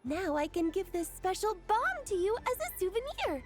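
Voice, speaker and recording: Squeaky, exuberant fluffy little creature. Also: female voice, very animated. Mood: playfully zealous. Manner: theatrical, exclamatory, drawn-out words. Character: exuberant little fluffy-tailed creature, eccentric and grandly wordy. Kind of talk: video game character acting. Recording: loud music behind the voice.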